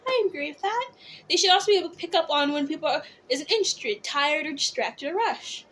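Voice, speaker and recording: A drag queen host chatting casually to viewers about opinions and comments, rambling conversationally with theatrical, drawn-out emphasis. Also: sits high, animated, a bit bright, slight background noise.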